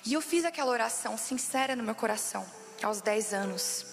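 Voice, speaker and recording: High-voiced Brazilian woman preaching. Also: expressive, fairly quick, creaky. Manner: emotional, repeats phrases for emphasis. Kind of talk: sermon testimony. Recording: long reverb with faint background music.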